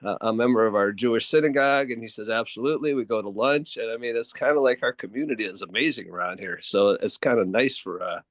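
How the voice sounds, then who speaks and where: A man's voice: on the low side, fast talker, few pauses, fairly bright tone, dry recording. A man from Ohio speaking in an online group discussion, rambling and hesitant, with many fillers and restarts. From Ohio, USA. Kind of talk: casual chat. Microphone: video call.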